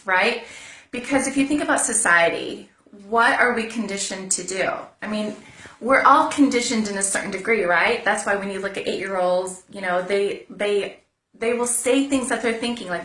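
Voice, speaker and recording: A woman's voice: mid-range voice, sharp tone. A woman giving a casual motivational talk on a live stream, chatty and repeating herself as she goes. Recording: roomy echo.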